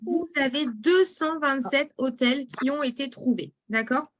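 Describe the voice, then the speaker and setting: A woman's voice: sits high, unhurried. A woman presenting a travel booking platform in a live online demo, speaking straight to viewers and reading their chat messages aloud.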